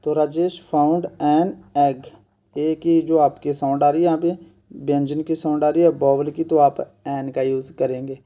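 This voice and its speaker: A man from India giving an exam-prep grammar lesson, repeating each point slowly and asking questions that he answers himself. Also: a little high, level tone, dark tone, muffled recording. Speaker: teacher.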